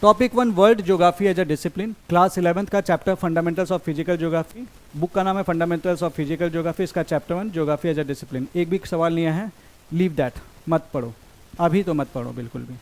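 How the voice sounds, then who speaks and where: A young man giving an exam strategy lecture in Hindi and English. He reads quoted exam statements slowly and explains the rest briskly. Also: on the high side, steady tone, darkish tone. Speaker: exam coaching teacher.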